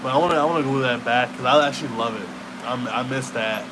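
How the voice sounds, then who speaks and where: A young man with a mid-range voice talks fast, rambling in a laid-back stoner manner, his slangy, profane talk trailing off and circling back. It sounds like a casual late-night chat, and a noisy room hum is clearly audible.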